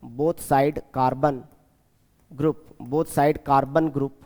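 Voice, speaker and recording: Mellow-voiced man teaching chemistry, echoey room. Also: medium pitch, fairly even intonation. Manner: repeats key names slowly and asks the class questions. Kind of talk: classroom lecture.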